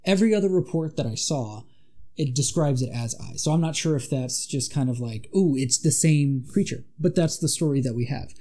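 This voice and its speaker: Mellow-voiced man telling a spooky tale. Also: mid-range voice, a little fast. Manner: animated, dramatic retelling with asides. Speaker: podcast co-host. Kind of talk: casual storytelling chat.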